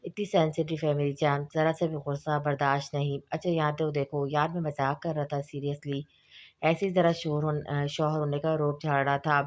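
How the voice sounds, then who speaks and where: A woman reading a novel aloud and voicing a brusque, possessive young husband with sharp, demanding questions. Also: low voice, little pitch movement, moderate pace, highs cut off, natural voice. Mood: teasing.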